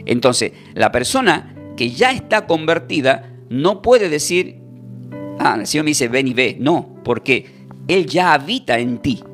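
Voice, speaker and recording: A man's voice: fairly high pitch, animated, unhurried, fairly bright tone, faint music behind. A man preaching a sermon as pastor, explaining scripture and asking rhetorical questions of the congregation.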